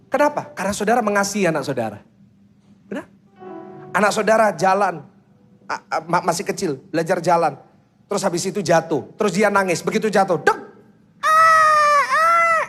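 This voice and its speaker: A man preaching a sermon as pastor, telling stories, acting out children's voices, and quizzing the congregation with quick questions. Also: high voice, lively intonation, faint music behind. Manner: storytelling that acts out children's voices.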